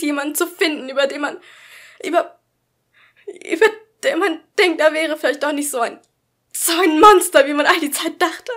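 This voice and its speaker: A woman's voice: high voice, fairly bright tone, voice pushed up. A woman playing a bullied teenage boy, strained. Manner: raised, strained, pleading. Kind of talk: amateur audiobook reading.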